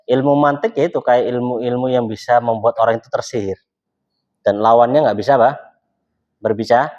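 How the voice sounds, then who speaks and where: A man's voice: mid-range voice, a little mellow. A male Islamic religious teacher, explaining in a casual talk and answering his own rhetorical questions. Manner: asks rhetorical questions and answers them himself. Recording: slightly dull lo-fi sound.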